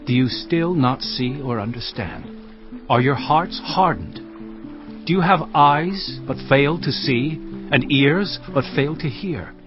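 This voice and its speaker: An actor playing Jesus as a grave, earnest teacher with solemn, emphatic delivery in a dramatized audio Bible. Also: male voice, on the high side, lively intonation, slow. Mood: exasperated, probing. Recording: dull sound under prominent music. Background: music.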